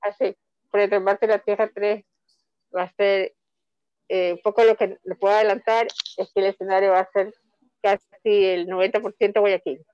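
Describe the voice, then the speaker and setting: A woman's voice: mid-range voice, level tone, normal speed, clear, resonant tone. A woman author from Ecuador talks about her comics in a loose, rambling way, often breaking off and starting again. The sound is dull and lo-fi. The room is very dry, with no echo. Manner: chatty, rambling with many restarts. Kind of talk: online book fair presentation.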